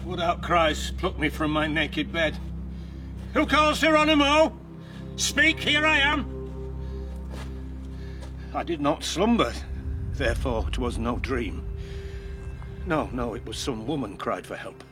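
A man's voice: medium pitch, measured pace, music in the background, natural voice. An actor playing a grief-stricken aging father who declaims anguished verse over a murder in a classical play. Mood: alarmed.

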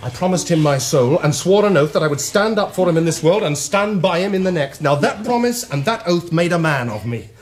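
An actor playing a defiant, sardonic rebel son in a stage drama, declaiming solemnly as if swearing an oath. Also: male voice, fairly high pitch, expressive, a little fast, hardly any pauses, a little hiss or hum, natural voice. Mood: solemn, fervent. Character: defiant, sardonic rebel son, self-styled devil's disciple. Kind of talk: theatrical stage-drama acting.

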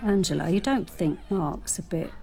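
Tactless aunt, lively swooping voice. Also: female voice, fairly low pitch, normal speed, gravelly. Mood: insinuating. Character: tactless, prejudiced, insinuating aunt at family party. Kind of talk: audio drama acting.

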